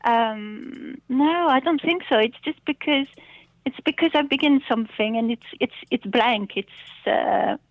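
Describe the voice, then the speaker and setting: Middle-aged woman caller over the phone; halting, hesitant delivery, slightly high, muffled lo-fi line. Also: no echo. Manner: hesitant, halting, laughs often. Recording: dull phone line, dry.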